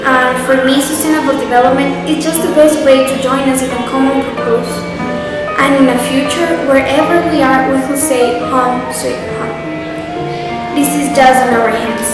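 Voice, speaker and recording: High-pitched ecuadorian teen girl giving a persuasive student speech, super echoey hall, music behind. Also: fairly even intonation, moderate pace. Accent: Ecuadorian Spanish. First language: Spanish. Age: teens. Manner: earnest, persuasive. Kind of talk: prepared speech for a contest entry.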